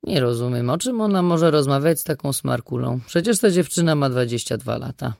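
A bossy, dismissive middle-aged husband and father in an audiobook, as a reader plays him. The voice is mellow and gravelly, with a short, curt delivery. The recording is close and dry. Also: mid-range voice, lively intonation, a little fast, no room sound. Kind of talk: audiobook reading.

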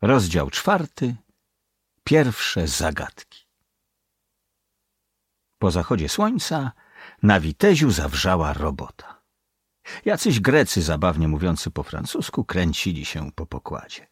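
A man's voice: low voice, very animated, slow pace, pauses often, husky, no room sound, clean studio sound. A man reading an adventure novel aloud as an audiobook, telling it expressively. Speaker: narrator.

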